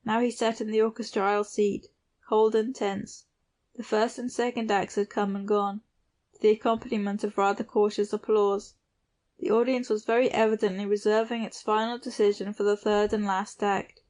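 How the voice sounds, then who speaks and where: A middle-pitched female voice narrates literary fiction for an audiobook at an ordinary pace. Her phrasing is consistently calm and controlled in intonation.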